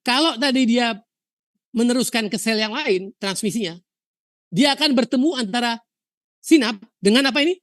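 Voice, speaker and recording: A woman from Indonesia teaching a university histology lecture, telling lively stories, asking rhetorical questions and dropping in English terms. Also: a little high, normal speed, long pauses, dry recording, studio quality. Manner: mixes English terms into explanation.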